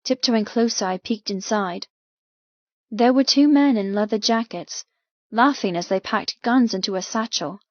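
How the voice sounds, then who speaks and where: Reading a first-person novel aloud, this female audiobook narrator has a medium pitch and a deliberate, dramatic delivery. Her audio sounds close and very dry, with no echo and somewhat dulled high frequencies.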